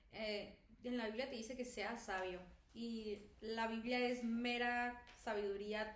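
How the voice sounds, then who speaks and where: A woman with a Mexican accent co-hosting a faith discussion, speaking earnestly and colloquially with emphasis. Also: on the high side. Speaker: youth group co-host. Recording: echoey room with faint noise.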